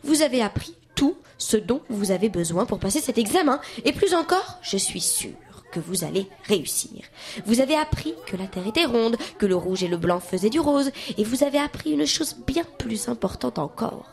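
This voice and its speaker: A woman voicing an exuberant, cheerful female schoolteacher with a high, bubbly manner. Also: big pitch swings, normal speed, a little mellow. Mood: reassuring.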